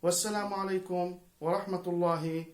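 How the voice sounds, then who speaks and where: A man's voice: sits high, level tone, fairly quick. Patient male teacher, echoey room. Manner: patient, spells out syllables one by one, addresses the student directly. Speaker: Arabic teacher. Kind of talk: video lesson on Arabic prosody. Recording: echoey room, mic far away.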